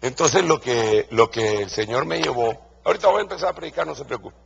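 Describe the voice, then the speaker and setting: A man's voice: medium pitch, expressive, a little fast, vocal fry, breathy edge, highs cut off. A man preaching a sermon to pastors in a Guatemalan Spanish accent, stressing his points by repeating key phrases.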